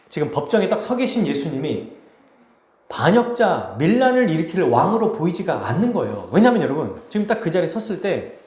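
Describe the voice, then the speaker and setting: Animated Korean pastor preaching in an echoey church. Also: male voice, fairly high pitch. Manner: animated preaching, acts out quoted speech. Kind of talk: expository sermon. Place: church sanctuary. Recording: roomy church echo.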